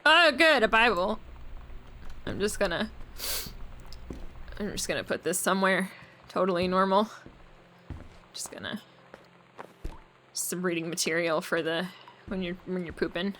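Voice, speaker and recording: Young woman streamer riffing on a game, bright voice, jokey n giggly. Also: lowish voice, a little slow, long pauses, slight background noise. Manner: joking, giggly, swears casually. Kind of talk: casual gameplay commentary.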